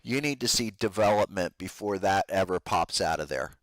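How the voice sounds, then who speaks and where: With a deep, expressive voice at a moderate pace, this man hosts a trading podcast full of casual, live stock market commentary. He uses informal trader slang and addresses his audience as guys, though his voice sounds strained and is giving out. There's no room sound.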